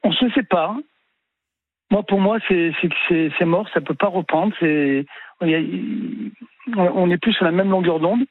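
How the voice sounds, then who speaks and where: A man in his sixties speaks on a tinny, dry phone line, and his voice sits high for a man. He tells his story haltingly, stalling and repeating words as he goes. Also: dry recording. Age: 60s. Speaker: caller. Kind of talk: telling his life story on a call-in show.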